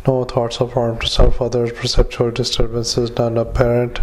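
A man dictating a patient note into a dictaphone, halting with many fillers and reading out punctuation and paragraph breaks. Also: mid-range voice, monotone, slight background noise, poor audio. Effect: dictaphone recording. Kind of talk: medical dictation into a recorder.

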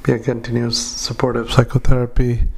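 A male doctor dictating notes into a dictaphone at a retirement community, halting with frequent fillers and reading punctuation aloud. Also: medium pitch, monotone, creaky, a little mellow, slight background noise. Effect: dictaphone recording. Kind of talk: medical dictation.

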